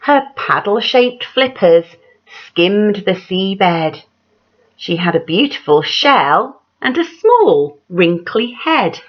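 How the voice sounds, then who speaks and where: Reading a children's picture book like a teacher, a woman with a mid-range, very animated voice is dramatic and measured, asking her young listeners questions. The sound is dull and lo-fi.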